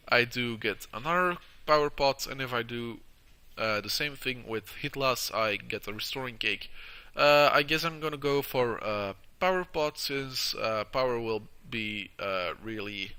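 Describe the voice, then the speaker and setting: Male gameplay host, very bright piercing tone, nose plugged with tissue, halting casual walkthrough style. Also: mid-range voice, clean tone. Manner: halting, hesitant delivery crowded with uhs. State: nose plugged with tissue from a nosebleed, stuffy nasal sound. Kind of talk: casual video game walkthrough commentary.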